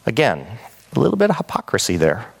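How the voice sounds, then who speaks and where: A man preaching a sermon in a conversational, animated way, often checking in with the listeners. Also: medium pitch, fairly quick, gravelly, slightly rough.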